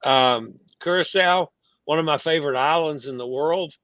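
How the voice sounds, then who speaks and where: A man's voice: fairly high pitch, normal speed, fairly bright tone, no echo. A man chatting casually as a guest who shares his travel experience. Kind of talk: casual chat.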